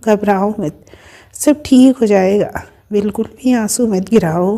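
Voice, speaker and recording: A woman's voice: mid-range voice, dark tone. Janaki, a woman doing a firm, caring friend. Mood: reassuring. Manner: brisk, scolding reassurance.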